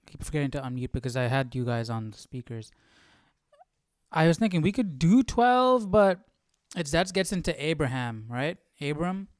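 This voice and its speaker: Hosting a Bible study livestream, a man talks casually and rambles as he thinks out loud. He speaks at a normal speed in a fairly high, sing-song voice, and the recording is dry and studio quality.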